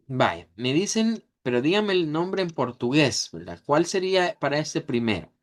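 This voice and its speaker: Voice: mid-range voice, sing-song, measured pace. A language teacher giving an online lesson, explaining each point step by step and repeating words to model how they sound.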